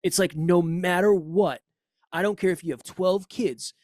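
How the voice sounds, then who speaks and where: A man's voice: high voice, dry recording, clean studio sound. Emphatic man with a Boston accent. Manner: emphatic, animated, quick asides. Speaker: podcast coach, guest. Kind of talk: casual conversation.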